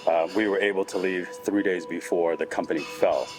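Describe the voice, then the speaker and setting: A man from Cambodia speaks in a very deep voice, steady and matter-of-fact. Faint music runs under his words. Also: fairly quick. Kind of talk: documentary interview.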